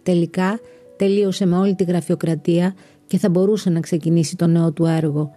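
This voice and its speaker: Low-voiced woman reading a story. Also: fairly even intonation. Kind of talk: scripted narration. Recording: narration over soft background music.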